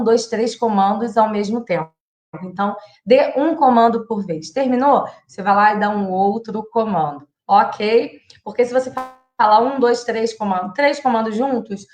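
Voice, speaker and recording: A reverberant recording carries the somewhat high, darkish voice of a Brazilian woman in her thirties. A psychologist, she gives parenting advice on a live stream in a chatty, direct manner, with a Brazilian Portuguese accent, acting out sample phrases for children.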